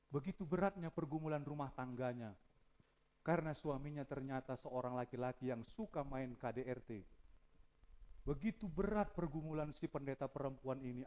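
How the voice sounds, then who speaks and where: A male pastor preaching a sermon, shifting from hushed storytelling to loud, fervent appeals. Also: mid-range voice.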